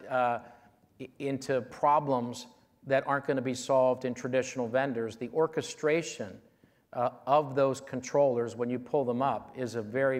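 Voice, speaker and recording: A keynote speaker in his fifties, with a medium-pitched voice, takes audience questions on a large conference stage while wearing a lapel mic. He answers with measured confidence but uses frequent fillers.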